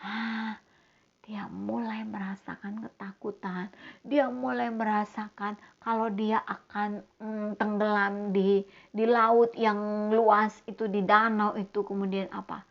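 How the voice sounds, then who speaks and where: A woman telling a Bible story to children in a lively way, speaking to them directly and acting out the voices. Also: mid-range voice, measured pace, vocal fry. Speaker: Sunday school teacher. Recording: dull lo-fi sound.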